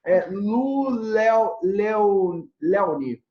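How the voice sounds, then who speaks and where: High-voiced man hosting a live stream. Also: expressive, very slow. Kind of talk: hosting a live stream, reading viewer questions. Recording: roomy and dull lo-fi live audio.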